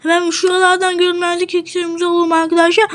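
High-pitched gamer girl narrating a minecraft let's-play, chatty, talks to viewers nonstop. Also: monotone, racing, soft background music. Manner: chatty, keeps saying 'friends' to viewers. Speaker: gaming YouTuber.

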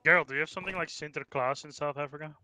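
A man chats casually while gaming, speaking fast in a very bright, cutting voice that sits a little high. The voice-chat mic is noisy and clicks. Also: soft background music. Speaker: player in an online battle game.

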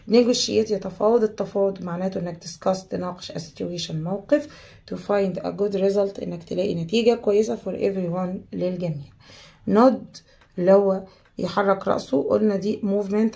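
Egyptian teacher, young woman, warm low tone, steady word-by-word explanations for students. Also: vocal fry. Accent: Egyptian Arabic. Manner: explains word by word, mixing English terms into Arabic. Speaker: English teacher. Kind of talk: vocabulary lesson.

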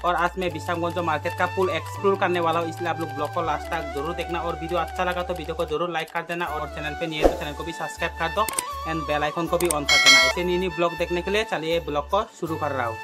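Young guy vlogging outdoors, high voice, phone at arm's length, music under it. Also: steady tone, fast. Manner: chatty, addresses viewers as guys, asks prices. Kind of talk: casual market vlog narration. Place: outdoor market.

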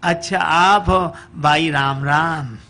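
Brief: a preacher putting on a fussy, scolding old mother-in-law, high and gravelly. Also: fairly even intonation, takes it slowly, sharp tone, a little hiss or hum, full character voice.

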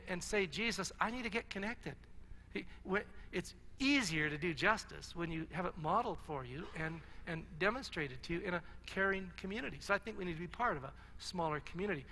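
A man's voice: high voice, sharp tone. A man preaching a sermon as pastor, earnest and conversational, with restarts and little asides. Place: large church hall. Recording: long church-hall reverb.

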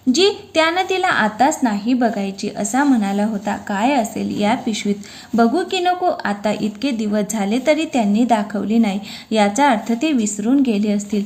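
A woman reading a romantic story aloud in a gentle, expressive narration. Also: medium pitch.

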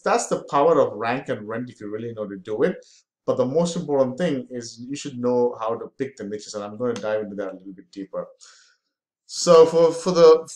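A man's voice: mid-range voice, reverberant. A man in his forties, from India, giving a casual, filler-heavy screen-share tutorial on online marketing.

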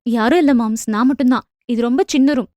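A woman voicing a cheeky, playful young wife bantering quickly with her husband on the phone. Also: fairly high pitch, mellow, dry recording, clean studio sound, natural voice.

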